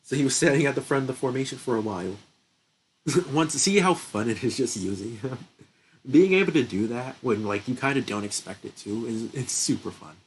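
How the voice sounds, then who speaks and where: This young man hosts a gaming channel, talking briskly and animatedly in a medium-pitched voice during casual gameplay commentary, with frequent laughter and thinking aloud. He's congested, apparently getting sick. The audio is poor, with slight background noise.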